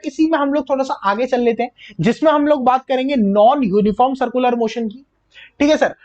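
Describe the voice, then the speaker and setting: High-voiced man teaching physics. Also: darkish tone. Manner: asks himself questions and answers them, calls students "beta" and "sir"; repeats key terms slowly, one word at a time. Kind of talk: exam revision lecture. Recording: muffled lo-fi recording.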